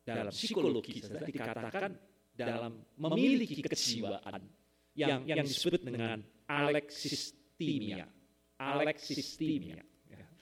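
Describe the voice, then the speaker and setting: A man preaching a sermon, addressing the congregation with rhetorical questions, often tagging lines with a questioning "ya" and rising into sudden emphatic bursts. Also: mid-range voice. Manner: animated, sudden loud emphatic rises.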